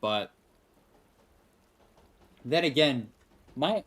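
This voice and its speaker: Young Texan man, game streamer, casual and chatty, very animated intonation. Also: mid-range voice, very slow, husky. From Texas. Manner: rambling, answers chat, laughs often. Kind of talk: casual live-stream chat.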